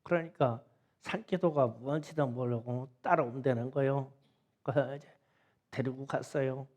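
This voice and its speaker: A middle-aged male pastor telling a lively story in a Sunday sermon, acting out the voices of the kids in it. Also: medium pitch. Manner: animated storytelling, acts out kids' voices and wailing. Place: church sanctuary.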